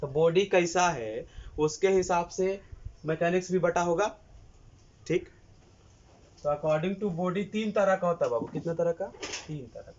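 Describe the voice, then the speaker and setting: Coaxing teacher. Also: male voice, sits high, measured pace, long pauses, darkish tone. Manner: coaxing, repeats questions to students, calls them 'babu'. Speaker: engineering teacher. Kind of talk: classroom lecture dictating notes. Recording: dull lo-fi recording with faint hiss.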